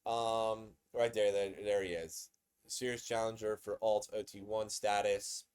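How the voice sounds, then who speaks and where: A man hosting a casual sports commentary video, excitable and conversational, often repeating himself. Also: lowish voice, unhurried, clean tone.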